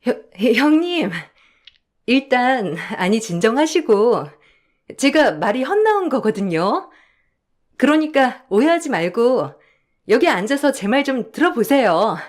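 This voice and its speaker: A woman's voice: on the high side, very animated, a little slow, pitched above the performer's own voice. A woman voicing a nervous younger sister-in-law who pleads and makes excuses in a raised voice.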